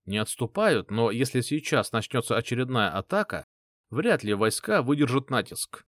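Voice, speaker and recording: A man narrating a first-person fantasy audiobook in an expressive reading style. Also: medium pitch, moderate pace, no room sound, studio quality.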